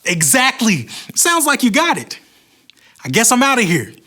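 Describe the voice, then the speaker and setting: Lively man narrating a Bible story for kids. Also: very high-pitched, moderate pace.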